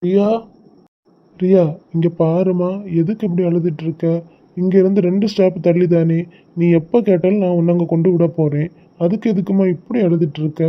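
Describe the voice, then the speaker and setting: Brief: man as a high-voiced, caring Kanyakumari groom in a cartoon, lo-fi sound. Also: fairly even intonation, normal speed, long pauses, close to an everyday voice. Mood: soothing. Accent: Kanyakumari Tamil. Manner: soothing, playful. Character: young newlywed husband, caring and teasing.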